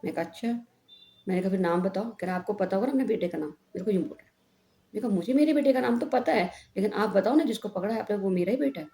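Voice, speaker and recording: A middle-aged woman vlogger from India, telling a story in a chatty, animated way and often asking "हैं?". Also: medium pitch, racing. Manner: chatty, animated retelling with frequent "हैं?" tags. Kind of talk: casual vlog storytelling. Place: home room. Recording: echoey room with faint background noise.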